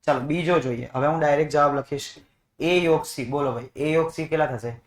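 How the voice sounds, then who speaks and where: A man's voice: a little high, steady tone, fairly quick. Male teacher in an echoey classroom. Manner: coaxing, repeats questions to students. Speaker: math teacher. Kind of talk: classroom lesson.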